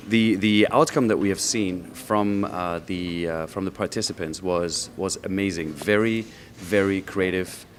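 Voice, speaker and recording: Man, marketing judge, very low voice, faint room ambience, measured. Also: fairly even intonation, a little hiss or hum. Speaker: marketing executive on a judging panel. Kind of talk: interview answers.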